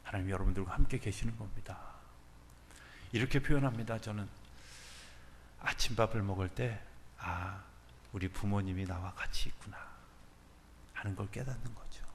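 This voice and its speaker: A man preaching a sermon as pastor, swinging from loud urging to soft near-whispers. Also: on the low side, moderate pace, long pauses, a little hiss or hum. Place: church sanctuary. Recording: church hall with long reverb.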